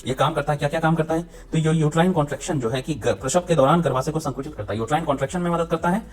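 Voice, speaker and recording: Guy teaching biology for exams, quick and a bit high-pitched, keeps repeating stuff and checking everyone's with him, soft music behind. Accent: Hindi mixed with English terms. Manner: repeats points, ends phrases with frequent checks for understanding. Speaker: exam-prep teacher. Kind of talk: explaining biology lesson for exam students.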